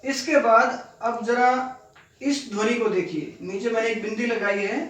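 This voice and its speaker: A high-voiced man teaches children at an unhurried pace. He draws out each sound and repeats it. The room is very echoey, and he stands away from the mic. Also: fairly even intonation, a bit bright, distant mic. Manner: drawn-out, repeated pronunciation of single sounds. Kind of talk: slow, deliberate classroom lesson for children.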